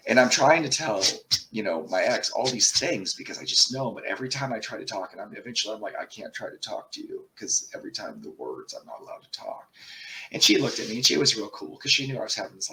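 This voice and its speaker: A man with a fairly low voice, talking off the cuff in a loose, halting way and cursing freely. He sits a little back from the microphone, so he sounds slightly distant. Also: pushed and bright. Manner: profane, rambling, halting with many fillers. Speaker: channel host. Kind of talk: casual personal storytelling.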